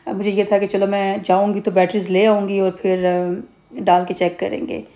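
A Pakistani woman in her thirties films a casual home vlog indoors, holding her phone camera close. Her mid-range voice is warm and dark and stays even, with little rise and fall. She rambles, with many fillers and restarts.

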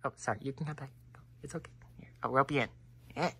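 A woman delivering a rambling comedic monologue. She keeps interrupting herself and swings between muttering and loud outbursts. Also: a bass voice, fast talker, breathy edge.

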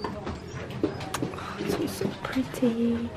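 A young woman vlogging as she browses shops, chatty, often dropping to a hushed whisper. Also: a little high, fairly even intonation, extremely slow. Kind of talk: casual travel vlog. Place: shops in a small town, indoors and out. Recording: noisy handheld vlog audio.

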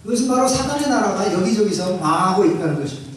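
A man preaching a sermon in short emphatic phrases, pausing for an interpreter, on a handheld mic in a church hall. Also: sits high, lively intonation, a little hiss or hum. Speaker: pastor. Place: large church hall, indoors. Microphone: handheld mic, filmed by far camera. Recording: echoey hall from far off.

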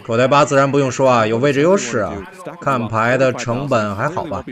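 In this recorded voice-over, a man narrates poker highlights with animated energy, tossing out rhetorical questions and exclamations. He talks a little fast, and crowd noise can be heard.

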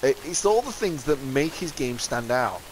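This chatty South Yorkshire man from England hosts a gaming channel, rambling through casual let's-play commentary at normal speed. His medium-pitched voice swings widely in pitch, and he laughs a lot and keeps correcting himself. The background is noisy, with faint game music.

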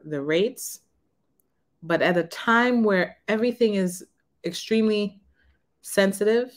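A woman in her thirties talking frankly to camera in a casual, unhurried way from a small room. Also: lowish voice. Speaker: vlogger on renting. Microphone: camera in front of her.

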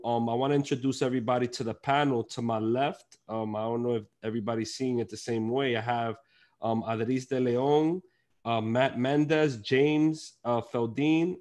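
A man's voice: mid-range voice, a little mellow. A man hosting a panel over a video call on a headset, talking loosely with many fillers and restarts. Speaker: host and moderator.

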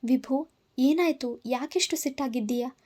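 A woman's voice: high-pitched, moderate pace, a little mellow. A woman voicing a worried middle-aged mother who asks anxious questions, in a storybook reading.

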